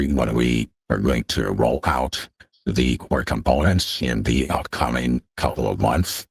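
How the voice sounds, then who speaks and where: A man speaking through a voice changer as a podcast guest, halting with many fillers. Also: very deep voice, breathy edge, no echo. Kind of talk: casual chat.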